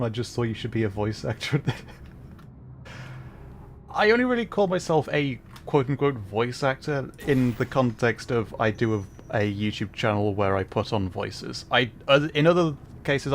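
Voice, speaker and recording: A man's voice: medium pitch, lively intonation, normal speed, a little hiss or hum. Rambling English man streaming a game. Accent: English, Derbyshire to RP. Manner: chatty and rambling, with frequent fillers and laughs. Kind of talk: casual gaming commentary.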